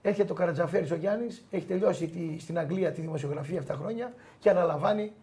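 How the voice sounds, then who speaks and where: A middle-aged man telling anecdotes in a casual chat, animated, quoting people and laughing often. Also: on the high side. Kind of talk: casual storytelling.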